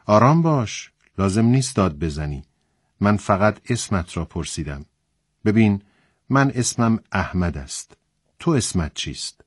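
Guy reading a kind army commander, soft and calming, low-ish voice. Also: breathy edge, no echo, clean studio sound. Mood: gently reassuring. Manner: gentle, reassuring, soft-spoken. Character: kind, calm middle-aged male army commander.

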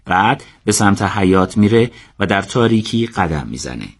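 A man narrating a radio drama in a steady, measured storytelling voice. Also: on the low side.

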